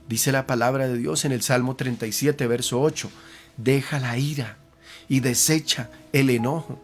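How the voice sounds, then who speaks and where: A man preaching a sermon as pastor, earnest, with rhetorical questions and repeated phrases. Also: medium pitch.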